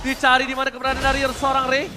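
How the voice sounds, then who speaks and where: A man with an Indonesian accent commentating a video game match like an excited fighting game announcer, stretching out and shouting the big calls. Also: very high voice, racing. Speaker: esports play-by-play caster. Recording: music and crowd noise behind the voice.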